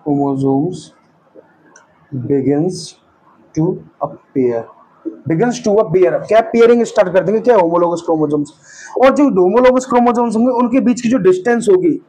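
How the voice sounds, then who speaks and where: A man with a high-pitched, mellow voice is heard on a low-quality recording, teaching in a relaxed lecture style. He turns key terms into quiz questions, fixes his slips as he goes, and alternates slow drawn-out terms with sudden bursts of speed.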